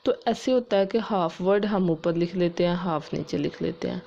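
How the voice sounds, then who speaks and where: A woman English teacher explaining grammar rules step by step, spelling words out letter by letter and reading English rules slowly and carefully. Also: lowish voice, creaky, dark tone, dull audio, slight background noise. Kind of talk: classroom-style grammar lesson.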